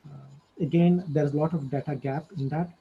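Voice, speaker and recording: A man speaking as a panelist in a discussion, hesitant and pausing on many filler sounds, over dull lo-fi audio. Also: on the high side, fairly even intonation, slightly rough.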